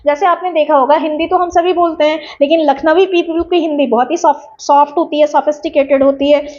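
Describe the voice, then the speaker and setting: A woman's voice: sits high, steady tone, a little fast, darkish tone, lo-fi sound. A woman from Bijnor, India, giving an exam-prep lecture, explaining terms and checking in with her students. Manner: explanatory, addresses students as beta, tag questions. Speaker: teacher. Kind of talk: exam-prep lecture in Hindi-English mix.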